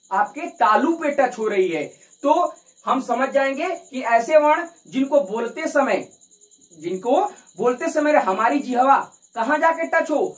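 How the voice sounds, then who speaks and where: A woman's voice: sits high, low-quality recording. A woman teaching an exam-prep grammar lesson, asking herself questions and answering them while showing mouth positions. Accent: Hindi. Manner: repetitive, rhetorical questions answered herself, addresses "दोस्तों".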